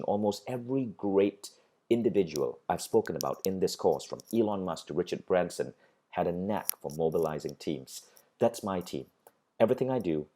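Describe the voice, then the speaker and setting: Man from Malaysia, middle-aged, course instructor, warm mellow tone, earnest motivational lecture. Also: low voice. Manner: earnest, motivational, repeats words while building a point. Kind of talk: recorded online course lecture.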